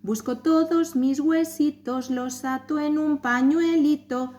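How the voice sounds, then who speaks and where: A woman voicing a magical bird, a murdered boy reborn, in a slow sing-song chant. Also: mid-range voice, expressive, natural voice.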